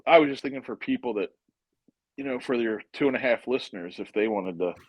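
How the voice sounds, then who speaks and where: A man in his fifties, a guest in a casual chat, tells rambling, joking stories and speeds up when he gets excited. His voice is medium-pitched and fairly quick with a breathy edge, with no echo but poor audio.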